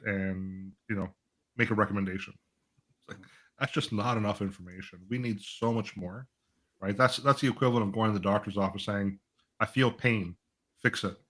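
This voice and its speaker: Another financial advisor on a conversational live panel speaks in a fairly low, bright, forceful voice. His explanations lean on imagined client exchanges and rhetorical check-ins with the audience.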